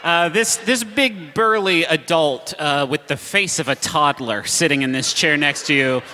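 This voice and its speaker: A man narrating an improvised tabletop game as game master, with comic, halting descriptions. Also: a little high, pushed and bright. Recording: live hall reverb, some noise.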